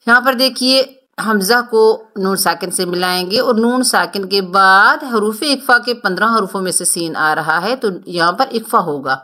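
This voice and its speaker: A woman teaching Quran recitation in Urdu, explaining tajweed rules and modeling each word with slow, drawn-out Arabic recitation. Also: medium pitch, pushed and bright. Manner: instructive, repeats each word to model correct sounds.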